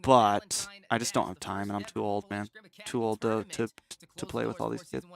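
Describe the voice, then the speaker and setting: Gravelly-voiced casual male streamer. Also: on the low side, flat delivery, moderate pace. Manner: rambling, joking, swears freely, lots of restarts. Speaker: streamer and shoutcaster hosting a watch party. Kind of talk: casual chat.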